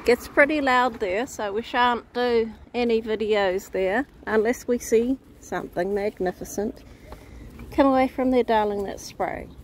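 A woman vlogging outdoors while walking her dogs, chatting in an easy, unhurried way to viewers and her pets, recorded on a handheld phone. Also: on the high side, a little hiss or hum. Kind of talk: casual walk-and-talk vlog. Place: outdoors on suburban streets. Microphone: phone camera held while walking.

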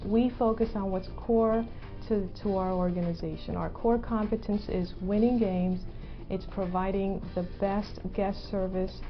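A woman in her forties speaks as an IT director in a corporate testimonial, measured and businesslike. The audio is a little dull, with faint music beneath. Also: mid-range voice, steady tone. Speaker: stadium IT director. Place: indoor studio before a logo backdrop.

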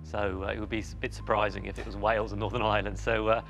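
A man in his forties, a quiz contestant in a TV studio, reasoning out loud with hesitant fillers. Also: on the low side, flat delivery, fast, gravelly, over music. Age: 40s. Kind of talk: thinking aloud on a quiz show. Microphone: lapel mic.

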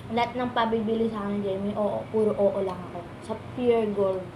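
A woman's voice: medium pitch, fairly even intonation, a little fast. A woman hosting a casual food vlog, playful and teasing, chewing fries while she talks. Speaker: vlog host. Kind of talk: casual mukbang vlog chat. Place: indoors in a house, downstairs. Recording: echoey room with background noise.

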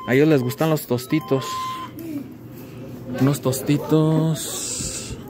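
A man's voice: on the high side, fairly even intonation, takes it slowly, music in the background. A young man with a Mexican Spanish accent, chatting casually while filming in a small grocery store on a handheld camera. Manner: chatty, conversational, wandering asides. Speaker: vlogger, snack maker. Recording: noisy shop background.

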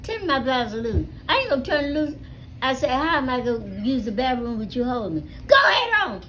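An elderly American woman with a high, fairly quick voice tells stories casually to her family in an animated, salty way, acting out dialogue complete with swearing. She was recorded at home in a small living room on a phone held near her, and the quality is low.

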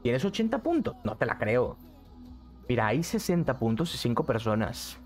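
A man's voice: medium pitch, very animated, normal speed, loud music behind the voice. Man streaming, chatty and repetitive. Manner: chatty, repeats phrases, reads chat aloud. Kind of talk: casual live-stream chat. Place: bedroom streaming setup with neon lights. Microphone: studio mic on arm, headset.

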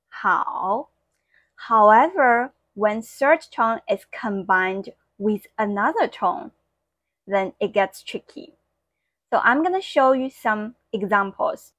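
Slow, clear Mandarin-accented woman teaching. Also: medium pitch, a bit bright, dry recording. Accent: Mandarin Chinese. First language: Mandarin Chinese. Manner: slow and clear, demonstrating tones. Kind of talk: online language lesson.

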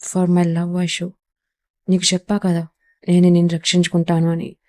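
A woman's voice: fairly low pitch, monotone, moderate pace, darkish tone, close to an everyday voice. A wounded, devoted mafia don, as a woman reads him. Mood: tender. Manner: tender, devoted pleading. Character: wounded, obsessive young male mafia don.

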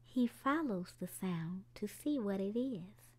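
A woman hosts a children's storytime, reading a picture book aloud to young kids with lots of expression while music plays behind her. Her medium-pitched voice moves slowly with lively intonation.

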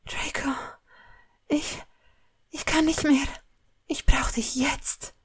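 A woman's voice: high voice, fairly even intonation, takes it slowly, whispered, voice pushed up. A woman reading a storybook part as an anxious young woman, breathless, pleading and shaky.

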